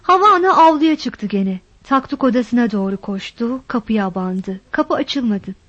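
A woman reading a novel aloud in measured, steady audiobook narration. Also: on the high side, no echo, muffled recording.

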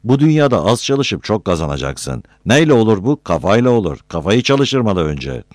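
An older village landowner, voiced by a man handing out folksy wisdom to his nephew. The low voice rises and falls widely. The recording is dry and close. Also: very animated, normal speed, darkish tone, no room sound. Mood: folksy lecturing. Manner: folksy, sermonizing.

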